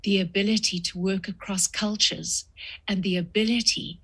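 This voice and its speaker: A woman in her sixties from South Africa, a guest author answering podcast interview questions in a measured way with frequent pauses. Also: mid-range voice, steady tone, a bit bright, husky.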